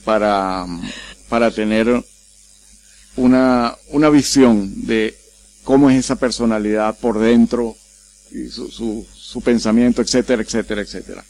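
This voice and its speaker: A man interviewing a guest in a relaxed conversational way, teasing her lightly and reassuring her. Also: mid-range voice, measured pace. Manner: steady questioning, teasing, reassuring.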